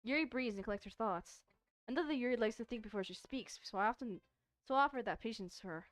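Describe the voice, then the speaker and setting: A streamer plays a visual novel, her fairly high voice moving at a quick clip as she reads the on-screen text aloud. Between lines she drops in her own casual, playful asides. The recording is dry, with no room sound.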